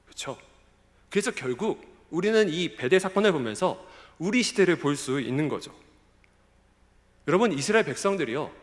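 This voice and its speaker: A male pastor delivering a sermon to a youth service, keeping it conversational with plenty of rhetorical questions. His voice sits high and swings widely in pitch. It rings with long reverb from a church sanctuary. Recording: echoey church hall.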